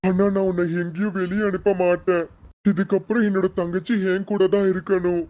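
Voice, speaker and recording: A man's voice: high voice, flat delivery, a little fast, natural voice. A man voicing an emotional young husband and loving elder brother in a fan-made serial drama, in a lo-fi recording. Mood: affectionate. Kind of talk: amateur serial drama dubbing.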